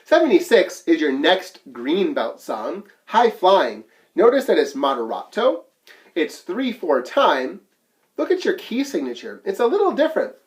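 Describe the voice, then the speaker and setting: A man's voice: high voice, huge pitch swings, measured pace. A man teaching a flute lesson, counting beats aloud and explaining each musical term plainly. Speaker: band teacher.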